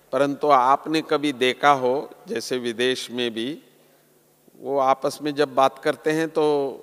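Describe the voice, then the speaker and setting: A man giving a sermon to a large gathering as a spiritual teacher, slow and earnest, letting his voice fall softly at the ends of phrases. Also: mid-range voice, smooth. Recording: long hall reverb.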